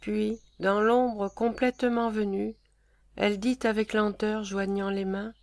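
A woman reading the stage directions of a play in a calm, even way. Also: medium pitch, measured pace.

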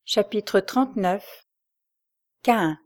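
Woman, audiobook narrator, dramatic novel reading, mid pitch, steady delivery. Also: extremely slow, soft background music.

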